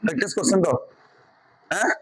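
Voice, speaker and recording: A man's voice: sits high, expressive, fast, crowd noise. Man teaching Arabic letters to a noisy class. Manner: patient, quizzing students with repeated questions. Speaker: Quran reading teacher. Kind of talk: online class lesson.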